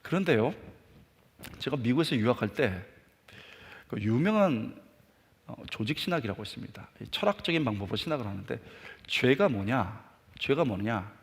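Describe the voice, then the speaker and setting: A middle-aged man preaching a sermon and telling a personal story, acting out his younger self shouting in anger. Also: medium pitch, animated, moderate pace, creaky. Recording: long hall reverb.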